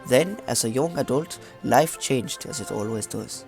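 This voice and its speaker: A man's voice: medium pitch, expressive, measured pace, creaky. A man reading game story text aloud in a hammy mock French accent, stumbling over words as he goes, with faint game music behind.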